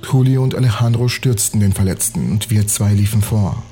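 A man reading a spooky bedtime story aloud for a podcast, in a calm, even way. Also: fairly low pitch, a little fast, slight background noise.

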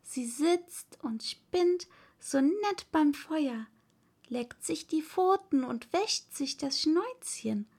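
A polite, curious little girl, put on by a woman reading aloud chatters eagerly in a high, light voice. She speaks at an unhurried storybook pace. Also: animated, darkish tone, full character voice. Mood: chatty. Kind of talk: audiobook reading.

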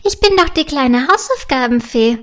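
A woman voicing a tiny, cheerful homework fairy with a high, friendly, giggly voice in a children's storybook. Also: expressive, moderate pace. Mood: bubbly. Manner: giggly, bubbly.

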